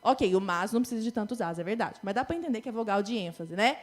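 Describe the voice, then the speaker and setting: A woman with a Brazilian Portuguese accent, giving a lively conference talk and playfully acting out messages. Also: medium pitch, quick pace. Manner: animated, playful, quotes messages in mock voices. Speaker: conference speaker. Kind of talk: lively stage talk on business writing. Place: conference stage.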